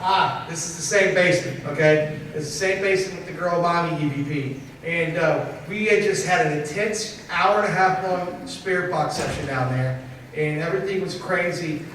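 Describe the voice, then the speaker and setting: Man, paranormal investigator on a con panel, emphatic, higher register, distant recording with faint hiss and heavy room echo. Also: a bit bright. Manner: emphatic, keeps checking in with "okay?". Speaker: paranormal investigator presenting evidence. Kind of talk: convention panel talk. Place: convention panel hall.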